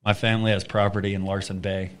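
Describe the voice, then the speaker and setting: Low-voiced man making dry remarks. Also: flat delivery, fast talker, slight background noise. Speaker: podcast host. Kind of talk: casual podcast chat.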